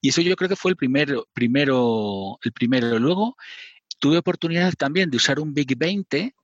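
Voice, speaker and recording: A middle-aged man, chatting as an interview guest and poking fun at himself as he goes. His voice sits at an ordinary pitch. It comes through a dull, lo-fi line in a dry, dead-sounding room. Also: animated, normal speed, no room sound. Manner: chatty, self-mocking, often laughing and restarting. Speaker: podcast guest, former magazine writer. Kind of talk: casual interview storytelling.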